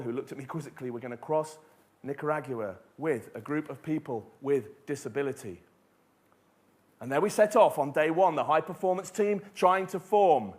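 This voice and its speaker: A middle-aged man giving an emphatic keynote talk, telling stories and asking rhetorical questions. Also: a little high. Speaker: motivational speaker. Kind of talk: keynote speech.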